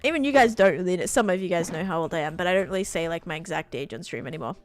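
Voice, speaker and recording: Racing along with lively intonation, this lowish-voiced woman rambles casually with plenty of fillers as she streams a game, faint music behind her. She's Australian and in her late twenties.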